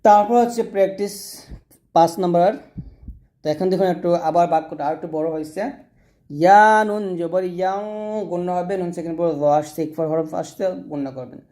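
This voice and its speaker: A man teaching Quran pronunciation, slowly spelling out letters and vowel marks syllable by syllable, with quicker asides to his students. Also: high-pitched, dark tone. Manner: slow, syllable-by-syllable drilling with brief asides.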